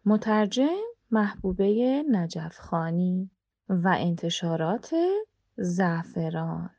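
A woman's voice: on the low side, creaky, mellow, no echo, muffled recording. A woman plainly announcing the book credits. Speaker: credits reader.

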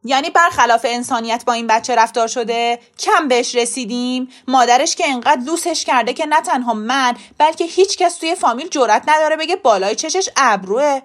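A woman's voice: high voice, few pauses, close to an everyday voice. A woman reading a story aloud, voicing an indignant middle-aged husband who gets heated and defensive. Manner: heated, defensive, raising his voice.

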